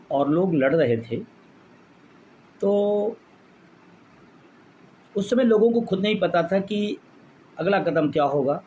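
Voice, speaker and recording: A high-pitched man delivering a fiery rally speech. He builds his points by repeating phrases and drives them home with passion. A faint hiss of noise sits under his voice. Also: a little mellow, highs cut off. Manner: impassioned orator, repeats phrases for emphasis. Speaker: pension movement leader.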